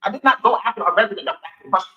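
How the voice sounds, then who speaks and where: A woman's voice: mid-range voice, racing. Emphatic woman in her sixties, roomy lo-fi. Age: 60s. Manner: emphatic, repetitive, defensive. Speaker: city council candidate. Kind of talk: interview answers.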